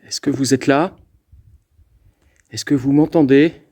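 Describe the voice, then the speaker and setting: A man alone in an abandoned mountain fort, investigating the paranormal and calling out to spirits, often stammering with excitement. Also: mid-range voice, takes it slowly. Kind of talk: ghost-hunting vlog narration.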